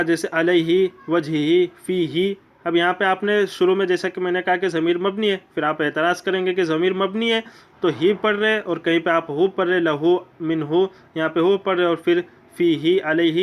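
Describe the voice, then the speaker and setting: A man's voice: high voice, a bit bright. A man with an Urdu accent giving a grammar lesson, explaining step by step and repeating key points. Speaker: teacher. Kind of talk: classroom lecture.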